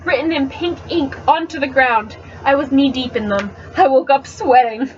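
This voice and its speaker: A high-pitched woman at a moderate pace gives an amateur, theatrical reading of a first-person novel, stumbling now and then. She records on a webcam microphone, so the sound is dull and slightly noisy.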